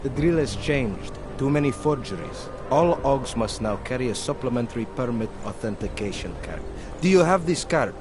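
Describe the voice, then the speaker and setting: Against clear street and vehicle noise, a man plays a smug, corrupt video game policeman. His deadpan threats and officious patter move through a lively range of pitch. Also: normal speed, few pauses, natural voice. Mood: stern, officious. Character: corrupt, menacing male checkpoint policeman, smugly officious. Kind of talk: video game character dialogue. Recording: noisy outdoor urban street with vehicles.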